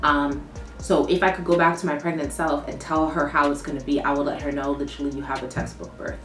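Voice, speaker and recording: A woman's voice: low voice, fairly even intonation, fast talker. A young woman chatting casually to camera about motherhood, peppering her talk with "like". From born in the US, raised in London. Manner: chatty, lots of "like" fillers. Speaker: vlogger, new mother. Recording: roomy echo, heard from a distance, faint music behind.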